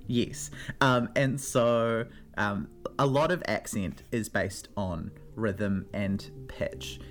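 A woman with a New Zealand accent, a regular guest on a radio segment about words, chatting casually with many fillers and restarts. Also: very deep voice.

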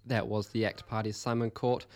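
Male NZ radio host, lowish voice, measured scripted questions. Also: flat delivery. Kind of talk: radio news interview.

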